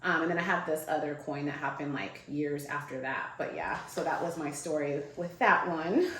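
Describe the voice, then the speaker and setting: A woman with a lowish voice tells a personal story as a guest in relaxed, chatty fashion. She acts out the people she quotes by jumping up into a higher voice. The room sounds echoey. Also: normal speed. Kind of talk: casual storytelling.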